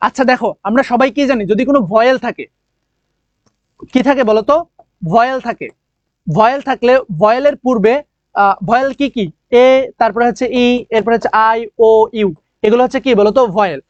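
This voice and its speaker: A man's voice: extremely high pitch, no room sound, lo-fi sound. A man teaches an English lesson for admission exams. He asks his students questions, answers them himself, and draws out the key words. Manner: drawn-out emphasis on key words. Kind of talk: online admission coaching lesson.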